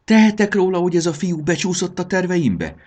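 A man's voice: on the low side, big pitch swings. A man reading a storybook aloud and voicing a short-tempered grown man who leads a trip and snaps back indignantly. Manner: snapping, indignant.

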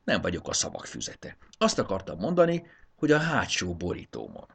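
A man's voice: sits low, wildly swooping pitch, gravelly, husky, heavily acted. A man doing a shy, fussy little notebook. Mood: prim apologetic. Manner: fussy, apologetic, long-winded. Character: polite shy small math notebook, male.

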